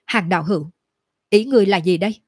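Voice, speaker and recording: A woman's voice: medium pitch, normal speed, dark tone, slightly rough, no room sound, clean studio sound, natural voice. A woman voicing a cold, scheming female demon elder who speaks in an icy tone.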